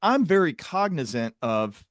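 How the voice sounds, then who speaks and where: A podcast host who is also a psychiatric clinician interviews a guest, offering long, earnest, wordy reflections and often rephrasing mid-thought. His voice is fairly high and sing-song, a little slow, captured dry and clean in a studio.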